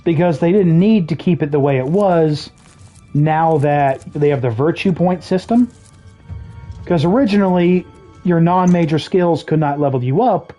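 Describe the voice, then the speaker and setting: Let's-play streamer, warm mellow tone, chatty and explanatory, dry humor, slight throat trouble, faint game music under. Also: mid-range voice. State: throat trouble, occasional coughing. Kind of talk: casual gameplay commentary.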